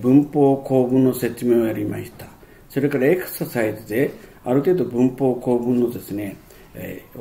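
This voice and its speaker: A male teacher with a gravelly, mellow voice works slowly through a textbook. He rambles, restarts his sentences and fills the pauses. His first language is Japanese. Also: medium pitch. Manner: rambling and hesitant, many fillers and restarts. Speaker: English teacher. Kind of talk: explaining a textbook lesson.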